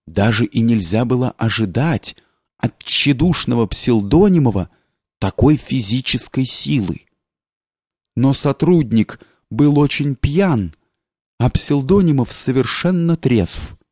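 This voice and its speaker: A man reading a literary story aloud in a measured, unhurried storytelling manner. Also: mid-range voice, lively intonation, a little mellow, no room sound, clean studio sound. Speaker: audiobook reader. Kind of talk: literary audiobook narration.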